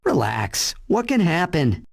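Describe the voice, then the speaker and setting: A man's voice: fairly high pitch, sing-song, slow, creaky, heavily acted. A man playing a young, breezy superhero who trades flippant, sarcastic quips in a video game. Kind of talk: video game cutscene acting.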